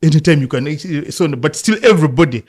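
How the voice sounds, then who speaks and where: A man from Uganda in his fifties, a football coach, telling his life story in a relaxed interview, reflective and often laughing. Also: on the high side, brisk, breathy edge. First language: Luganda.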